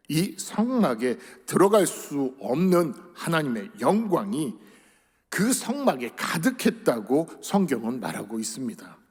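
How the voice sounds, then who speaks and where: A man's voice: on the high side, breathy edge. A man preaching a sermon as pastor, in earnest tones that rise on key words and fall at the end of phrases. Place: church sanctuary. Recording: long church hall reverb.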